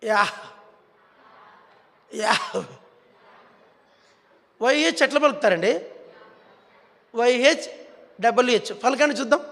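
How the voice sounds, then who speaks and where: A man's voice: extremely high pitch, slow pace, vocal fry, long pauses, a bit bright. A male preacher with a Telugu accent, preaching a sermon and coaxing the congregation to repeat words after him. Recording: long hall reverb.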